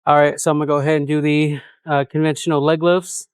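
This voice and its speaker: A man vlogging his gym workout, explaining each exercise in a relaxed way and out of breath between sets. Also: fairly high pitch, fast, smooth, no room sound. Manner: relaxed, explaining exercises while doing them. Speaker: fitness vlogger. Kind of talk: casual workout vlog.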